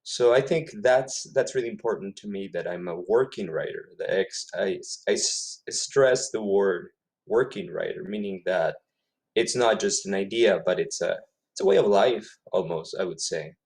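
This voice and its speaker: Speaking low and darkish at a moderate pace, this Ecuadorian man, a native Spanish speaker, is an author guest in a relaxed interview. He's thoughtful and often repeats himself while searching for words.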